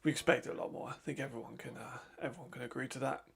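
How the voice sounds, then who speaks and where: A man's voice: medium pitch, steady tone, fast talker, vocal fry, a bit bright. A man giving casual, chatty live commentary while watching a football game, laughing often and trailing off mid-thought.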